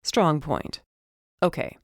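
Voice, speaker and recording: A woman voicing a wry, deadpan male police detective in an audiobook. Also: deep voice, takes it slowly, no echo, clean studio sound, full character voice.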